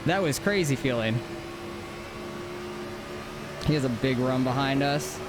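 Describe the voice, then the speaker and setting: A man's voice: medium pitch, unhurried. A man giving casual, informal live commentary while sim racing, thinking aloud as he drives. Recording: engine noise behind voice. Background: racing game car engine.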